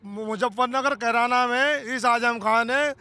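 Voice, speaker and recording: A man's voice: extremely high pitch, a little slow, bright, forceful tone, clear, resonant tone, dry recording. A male party worker speaking outdoors, blunt and combative.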